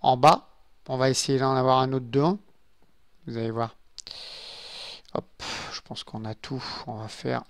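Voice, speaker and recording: A man's voice: mid-range voice, fairly even intonation, measured pace, long pauses, no echo, studio quality. A man giving casual let's-play commentary from his home computer, chatting and muttering asides to his viewers as he builds. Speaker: gaming YouTuber. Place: home room with a glass desk.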